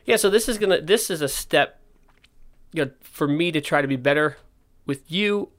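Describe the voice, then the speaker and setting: A man's voice: on the high side, moderate pace, fairly bright tone. A man hosting a casual solo podcast, talking candidly and interrupting himself, with a slight lisp from his missing front teeth. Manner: informal, self-interrupting, candid rambling. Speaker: podcast host and skate park owner.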